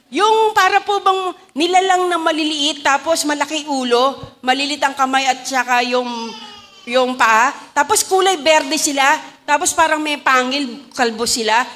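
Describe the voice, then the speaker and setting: A woman with a Filipino accent preaching a testimony sermon, telling stories with animated calls to the congregation. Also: sits high.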